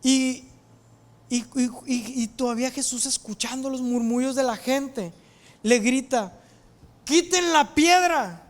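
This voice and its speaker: A woman preaching a sermon, retelling scripture as animated storytelling and acting out its voices. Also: a little high, a little slow.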